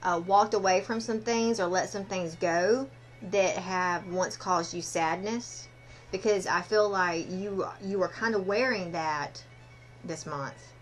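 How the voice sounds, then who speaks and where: A woman fortune teller giving a casual card reading, speaking haltingly and directly to the listener. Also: lowish voice, slight background noise, rough recording. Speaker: fortune teller, tarot and oracle card reader.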